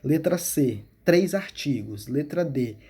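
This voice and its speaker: A man's voice: fairly high pitch, lively intonation, takes it slowly, warm tone, breathy edge. A male teacher, explaining a school exercise step by step and checking in with frequent questions. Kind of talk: remote classroom lesson.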